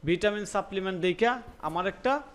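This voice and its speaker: Young man, Sylheti-tinged Bangla accent, online class instructor, somewhat high voice, repeats himself. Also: brisk, fairly bright tone. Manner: thinks aloud, repeats words, checks understanding often. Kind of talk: live online class, teaching while browsing.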